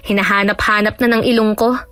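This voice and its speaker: A woman's voice: high voice, fairly bright tone, dry recording. A woman voicing a timid, polite young woman patient who speaks hesitantly and stammers. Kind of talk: audio drama acting.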